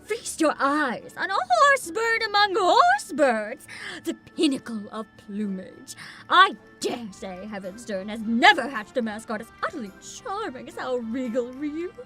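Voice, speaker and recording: Proud, theatrical lady dignitary, voiced by a woman for a fantasy game: high, swooping, grandly formal, effusive. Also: big pitch swings, measured pace, sharp tone, soft background music, exaggerated voice. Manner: theatrical, effusive, archaic phrasing. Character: grand, proud female festival leader presenting her mascot.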